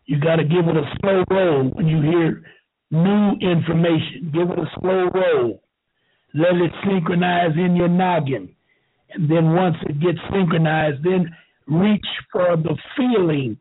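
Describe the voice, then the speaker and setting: A man in his seventies telling a rambling story slowly, with halting restarts. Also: fairly high pitch, breathy edge. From United States. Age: 70s. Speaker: show host. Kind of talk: rambling talk. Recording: tinny phone-like line.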